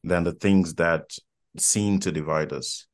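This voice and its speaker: Man from Ghana, podcast guest, very deep voice, thoughtful, repeats himself while thinking. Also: fairly even intonation, measured pace. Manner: thoughtful, repeats words as he builds his point. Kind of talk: casual podcast conversation.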